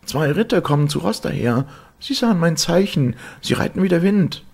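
A man's voice: huge pitch swings, takes it slowly, creaky, husky, full character voice. A man doing an anxious young sister calling down. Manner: high, calling out.

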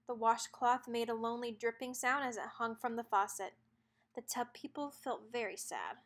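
Expressively reading a children's storybook aloud, a woman narrates at a moderate pace in a fairly high-pitched voice.

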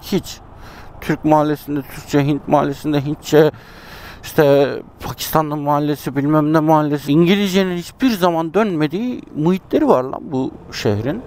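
Here a Turkish motovlogger speaks at a moderate pace in a fairly high voice with a darkish tone. Riding through city traffic, he chats casually and muses to himself about the road, and faint road and engine noise can be heard.

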